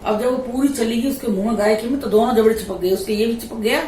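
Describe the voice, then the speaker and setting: Vlogger mom, middle-aged woman, lively laughing storyteller; a bit off-mic in an echoey room with faint background hum. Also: fairly high pitch, quick pace. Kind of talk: casual storytelling chat. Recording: echoey room, voice a little distant.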